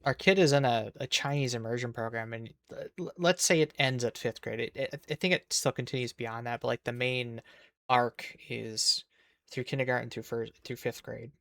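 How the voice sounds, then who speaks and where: A man in his thirties from Minnesota, USA, with a Minnesotan accent, chats casually with viewers while streaming a game, restarting sentences as he goes. His mid-range voice is fairly bright, his pace moderate, with no echo.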